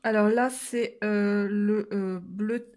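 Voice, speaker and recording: A woman casually explaining a coloring technique step by step, talking to her viewers with frequent hesitant filler pauses and chatty asides. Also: mid-range voice, fairly even intonation, a little mellow. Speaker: coloring tutorial creator.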